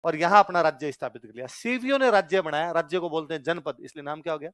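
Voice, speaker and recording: A male history teacher with a Rajasthani Hindi accent addresses his class in a fairly high, smooth, resonant voice with a fairly bright tone, talking at a quick pace. He keeps repeating questions so students will answer back. The recording is dry and close.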